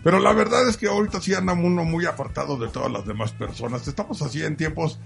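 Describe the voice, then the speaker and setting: A man's voice: on the high side, quick pace, creaky, faint music behind. A middle-aged Mexican man hosting a show in casual, bantering conversation. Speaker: show host.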